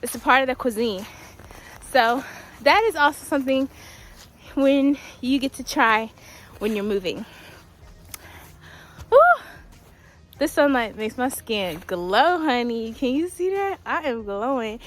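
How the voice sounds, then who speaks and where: A young woman talking casually while walking a quiet wooded trail in winter, a little out of breath, with many ums. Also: on the high side, expressive, a little slow. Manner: chatty, laughs often, many ums. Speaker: vlogger.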